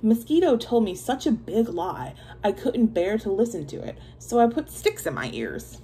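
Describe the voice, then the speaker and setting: A woman voicing a jittery, excitable male iguana in a read-aloud animal folktale. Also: on the high side, normal speed, a little hiss or hum, low-quality recording. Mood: protesting.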